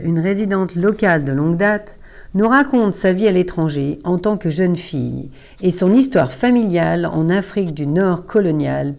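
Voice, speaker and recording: A woman reading a scripted radio announcement in a smooth, measured way. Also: fairly low pitch, darkish tone.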